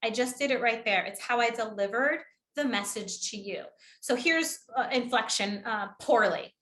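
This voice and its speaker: A woman from New England coaching professionals on public speaking. Her voice is fairly high and tense, with a lively, demonstrative delivery that keeps checking in with the listeners. It is recorded in an echoey room. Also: normal speed. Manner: lively, demonstrative, with frequent "right?" and "okay?" check-ins. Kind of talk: training webinar presentation.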